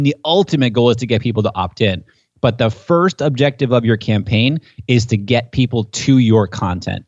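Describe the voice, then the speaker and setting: An enthusiastic man explains his subject as a podcast guest, talking in a loose conversational way and getting more animated as he warms up. His voice sits at an average pitch, and the sound is dry and a little dull. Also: no echo. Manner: enthusiastic, gets pumped up and animated.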